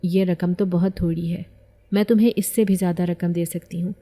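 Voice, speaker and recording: A woman's voice: on the low side, fairly even intonation, mellow, natural voice. A woman voicing a secretive, threatening old woman in an audio story, speaking coldly and insistently.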